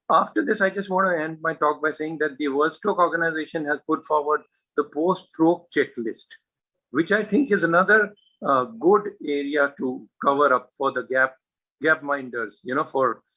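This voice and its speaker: Bright-voiced man lecturing on medicine. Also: mid-range voice, low-quality recording. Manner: earnest, hesitant with frequent uh and you know fillers; presses points with emphasis and rhetorical questions. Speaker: neurologist giving a talk.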